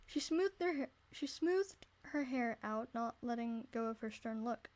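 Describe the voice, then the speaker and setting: A woman reads a visual novel aloud in a casual let's-play, stumbling over words, restarting often and breaking off to joke and swear. Her voice is on the high side, animated, a little slow and darkish in tone.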